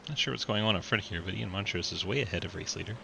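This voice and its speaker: Guy with a low gravelly voice calling an online race, noisy stream audio. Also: pushed and bright. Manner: quick play-by-play, laughs often. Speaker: race commentator. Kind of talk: sim racing play-by-play commentary.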